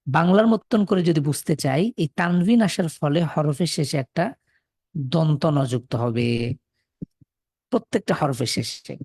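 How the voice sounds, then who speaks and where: A man's voice: on the high side, measured pace, a little mellow, breathy edge. Man, Quran reading teacher, live online class, patient, repeats syllables, dry close sound, computer mic. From Bangladesh. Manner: patient, repeats rules and drills syllables for students to echo.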